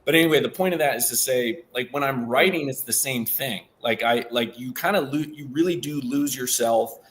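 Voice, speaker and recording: A man's voice: mid-range voice, normal speed, a little hiss or hum. A man who draws cartoons and writes, rambling in casual group discussion with many fillers. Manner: rambling, filler-heavy, animated.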